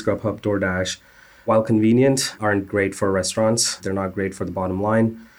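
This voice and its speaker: A man with a low, deep voice answers interview questions as a company founder. He talks earnestly and technically, often pausing on "uh" as he explains. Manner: earnest, technical, with frequent "uh" fillers. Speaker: startup founder.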